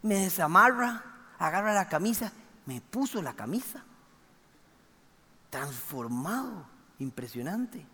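Man, high voice, animated testimony in a reverberant hall. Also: slow pace, long pauses. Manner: animated, acts out the dialogue. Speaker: speaker giving a testimony. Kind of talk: storytelling testimony.

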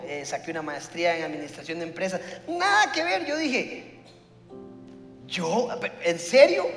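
A pastor preaching a sermon, telling a story and acting out the dialogue. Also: male voice, high-pitched, reverberant, long reverb tail.

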